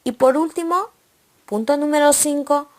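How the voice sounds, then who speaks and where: A woman's voice: sits high, moderate pace. Woman reading a lesson aloud. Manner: steady, read-aloud delivery listing points. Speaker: presenter of an educational video. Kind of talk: scripted narration reading a lesson.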